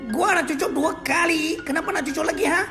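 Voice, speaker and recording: A man puts on a brash, gravelly talker, high-pitched and jeering. He rants in a mocking, confrontational way, with faint music behind him. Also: fairly quick. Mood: heated. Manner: mocking, confrontational slang rant.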